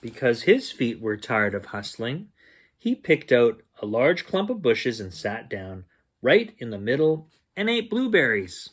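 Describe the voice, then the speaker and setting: Husky, animated man reading a bedtime story. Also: mid-range voice, unhurried. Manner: expressive, acts out sounds and dialogue. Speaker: storyteller reading a children's picture book.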